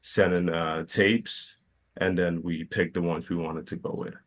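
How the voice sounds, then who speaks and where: A young man from Ghana with a very low, deep voice, answering interview questions about his work. He hesitates often and restarts his sentences as he talks, filling the pauses with small fillers. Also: fairly even intonation. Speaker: filmmaker guest. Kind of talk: casual interview.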